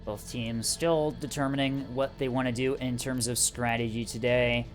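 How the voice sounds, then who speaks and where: Male stream caster, relaxed filler-heavy play-by-play, mid pitch, light music bed. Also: normal speed. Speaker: tournament caster. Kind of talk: live-streamed esports commentary.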